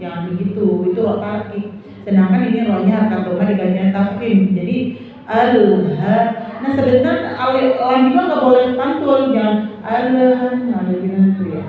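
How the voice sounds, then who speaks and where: A woman with a warm, mid-range voice and brisk delivery gives a tajwid lesson, teaching Quran recitation to a group of women. She patiently demonstrates each verse and explains the rules, recorded in an echoey room far from the mic.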